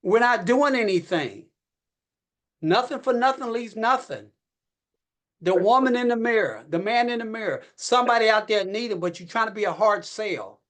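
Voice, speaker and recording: Male motivational speaker, rather high voice, folksy and preachy, repeats himself, climbs in pitch when excited. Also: normal speed. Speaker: network marketing leader speaking on a company call. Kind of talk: motivational pep talk.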